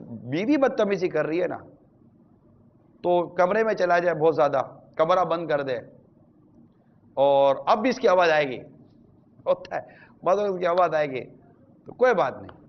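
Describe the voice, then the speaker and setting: A man's voice: high voice, lo-fi sound. A man giving a conversational sermon on marriage as an Islamic preacher, speaking straight to his viewers.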